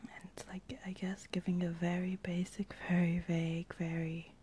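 A woman's voice: fairly low pitch, level tone, moderate pace, dark tone, slight background noise. A young woman, talking casually in a whispered ASMR voice, rambling with lots of fillers. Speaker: channel host.

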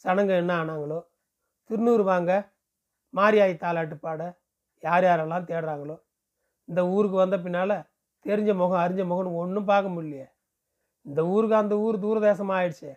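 A tearful, stubborn young village woman from a storybook, lamenting and pleading to go home, as a male reader puts her on. The voice sits high and keeps returning to the same plea. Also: normal speed, pauses often, lo-fi sound, close to an everyday voice.

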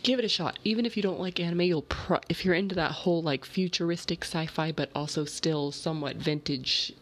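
Bright, forceful woman podcaster with vocal fry. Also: fairly low pitch, brisk. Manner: informal, rambling, slangy and profane. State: slightly sick. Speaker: podcast host. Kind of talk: casual solo storytelling podcast.

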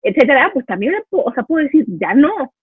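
A woman's voice: high-pitched, very animated, racing, dry recording. A woman hosting an interview, reflecting aloud and often tagging her thoughts with a questioning "no". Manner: reflective, thinks aloud, tags phrases with "¿no?". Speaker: podcast host. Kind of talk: casual interview conversation. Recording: tinny phone-line sound, dry.

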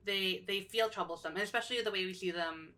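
A woman's voice: mid-range voice, quick pace, sharp tone, distant mic. A young woman co-hosting a casual podcast, talking thoughtfully with lots of fillers and restarts. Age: young adult. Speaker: podcast co-host.

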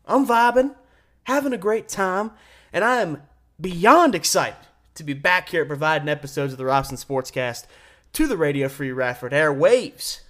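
A man in his twenties with a slightly high, somewhat bright voice hosts a solo sports talk show on campus radio. He talks informally and emphatically, sprinkling in casual slang.

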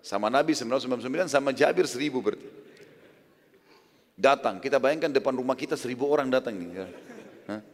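A man preaching in Indonesian-language sermon style, retelling a story in a lively way and acting out the people in it. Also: quick pace, pauses often. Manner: animated retelling, acting out lines with rising pitch and volume. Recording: long hall reverb.

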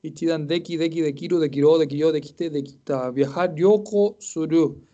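A man's voice: a little high, normal speed, dark tone, dull audio. A man with a Chilean accent teaching a live-streamed class, methodically reciting verb forms aloud while checking homework, with self-mocking humor. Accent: Chilean Spanish. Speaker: Japanese language teacher.

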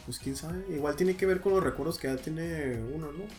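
A woman in casual chat, telling stories in a quick, chatty way. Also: sits low, darkish tone, soft background music.

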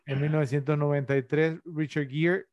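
Opinionated man, higher voice, dry sound. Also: steady tone, moderate pace, darkish tone, dry recording, muffled recording. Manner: opinionated, questions the others. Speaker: podcast co-host. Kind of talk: casual film chat.

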